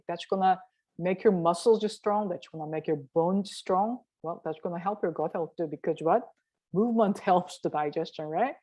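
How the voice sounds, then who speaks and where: A woman's voice: mid-range voice, a little mellow, rough recording. A woman from Korea, giving a chatty, encouraging cooking tutorial and often asking "right?". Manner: chatty and encouraging, asks frequent rhetorical "right?". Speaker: health and cooking vlogger.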